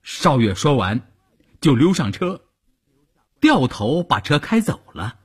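A man narrates a novel for a radio storytelling program. His voice is husky and rough, his pitch swinging widely from line to line, and he takes his time over every phrase. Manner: slow, expressive narration.

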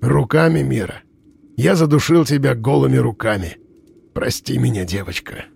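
Man playing a resigned older uncle, quiet, low, tender, husky voice. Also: normal speed.

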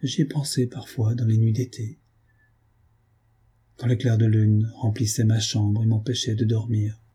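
A man reading an audiobook, voicing a gentle, heartbroken young woman who speaks softly and tremulously. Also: lowish voice, little pitch movement, unhurried, breathy edge. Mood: tender. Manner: soft, trembling, tearful.

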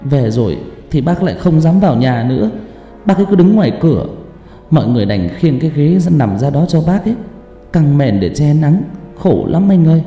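A man's voice: a little high, mellow, voice pushed up, close to an everyday voice. A man voicing a frightened young woman in a horror story, her telling pleading and breathless. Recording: echoey hall, long reverb, faint music.

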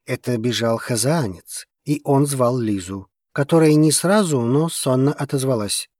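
A man narrating fiction for an audiobook in a measured, steady manner. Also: mid-range voice, no room sound, studio quality.

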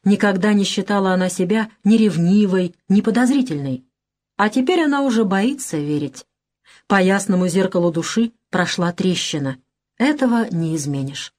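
A woman's voice: mid-range voice, a little mellow. A woman narrating a classic novel as an audiobook, reading expressively with emotion.

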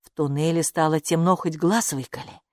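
A woman narrating a children's audiobook in an expressive, even-paced reading. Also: deep voice, moderate pace, dry recording, clean studio sound. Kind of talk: storybook narration.

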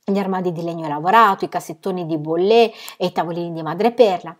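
A woman reading a novel aloud in steady, measured storytelling. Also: fairly low pitch. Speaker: reader.

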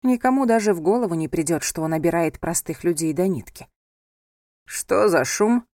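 A woman narrating a story in an even, storytelling manner. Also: lowish voice, quick pace, no echo, studio quality. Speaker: audiobook reader. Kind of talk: scripted narration.

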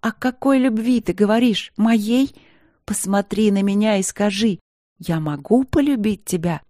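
A woman's voice: on the low side, moderate pace, mellow, no room sound, close to an everyday voice. A desperate young princess, as a woman reading puts her on, raises her voice in bitter anger. The tone stays darkish and heard close, with a dry storybook sound. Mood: furious.

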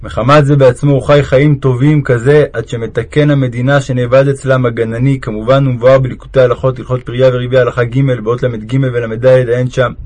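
Male reader, mid-range voice, steady measured recitation of devotional text. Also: mid-range voice. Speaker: reader of religious texts. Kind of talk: reading aloud a devotional text.

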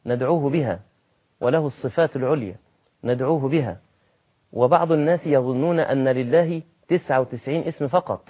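A man's voice: mid-range voice, a little mellow. An Egyptian man giving a religious lesson in an earnest way, repeating his key phrases for emphasis. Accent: Egyptian Arabic. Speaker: preacher.

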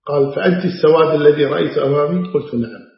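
A man's voice: fairly high pitch, very fast, gravelly. A middle-aged man giving a religious lecture, retelling old narrations and explaining them in everyday asides. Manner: narrates hadith then explains in colloquial Gulf Arabic asides. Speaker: Islamic scholar lecturing. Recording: very echoey dull lecture recording.

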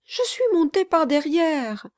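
Breathless young servant girl, put on by a woman narrator, high-pitched and pleading. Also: lively intonation, slow pace, a little mellow, no echo, studio quality. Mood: urgent pleading.

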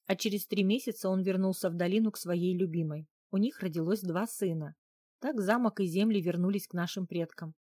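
A woman reading a husband's lines in an audiobook, relating his family's history in a measured way. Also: lowish voice, dark tone, husky, no room sound, clean studio sound. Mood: admiring. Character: courteous Irish husband, storytelling man.

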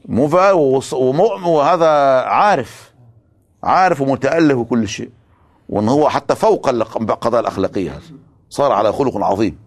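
A man giving a religious philosophy lecture, emphatic and stopping often to ask his students rhetorical questions. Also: mid-range voice.

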